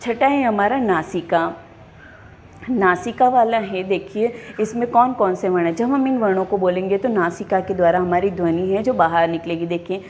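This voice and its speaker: A woman teaching a class, speaking slowly and clearly, spelling out each sound and asking her pupils questions as she goes. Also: mid-range voice, a little mellow, slight background noise. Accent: Hindi. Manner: slow, deliberate, enunciating each sound and posing questions to pupils. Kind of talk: classroom lesson.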